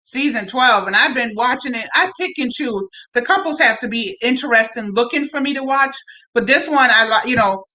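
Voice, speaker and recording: A woman's voice: fairly high pitch, expressive, moderate pace, pushed and bright, rough recording. A woman hosting a live stream, chatting casually and slangily to her viewers while recapping a reality show, often repeating her words.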